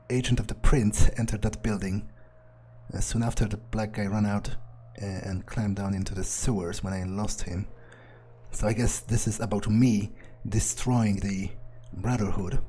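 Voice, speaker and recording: Playing a game in character as a self-assured, scornful vampire, a man thinks aloud hesitantly, musing and muttering asides. His voice is fairly low, dark, and slightly rough. Noticeable background noise runs through the gameplay recording.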